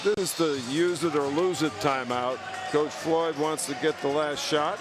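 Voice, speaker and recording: A man's voice: on the high side, steady tone, measured pace, over music. A man working as color commentator on a live basketball game, explaining plays and rulings in conversational, folksy asides. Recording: noisy arena broadcast with loud crowd. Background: loud crowd, bouncing basketballs.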